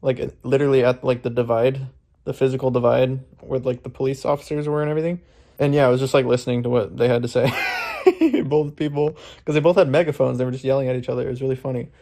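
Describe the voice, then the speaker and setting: A man's voice: medium pitch, fairly even intonation, fast, dark tone. A young man from Florida vlogging casually into a phone camera, rambling with lots of fillers and laughing often, first outdoors at a protest and then in his room. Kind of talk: casual vlog talk.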